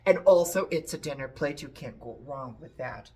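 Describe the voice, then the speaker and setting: A woman's voice: low voice, expressive, moderate pace, very noisy. A middle-aged woman chatting to camera about an antiques haul, repeating words for emphasis. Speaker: antiques reseller showing a haul. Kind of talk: casual chat to camera.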